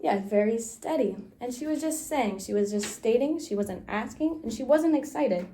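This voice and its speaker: A woman's voice: a little high, lively intonation, normal speed, dark tone, a little hiss or hum. A young woman student teacher leading a classroom micro-teaching lesson, upbeat and encouraging, with frequent laughs.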